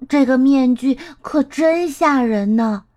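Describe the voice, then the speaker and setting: An eager, cheerful little storybook critter, played by a woman. It sounds encouraging and full of ideas. The voice is high and slow. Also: darkish tone. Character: helpful, cheerful storybook animal friend.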